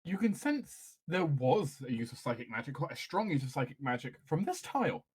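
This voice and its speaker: A man's voice: a little high, very animated, a little fast, husky. A man running a tabletop game as game master, describing scenes and ruling on actions.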